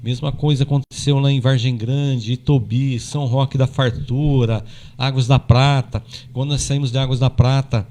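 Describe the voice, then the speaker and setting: A Brazilian man, a podcast host, calmly recounting a pilgrimage in casual chat, affirming often with short replies. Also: medium pitch, normal speed. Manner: brief affirming interjections, calm recounting.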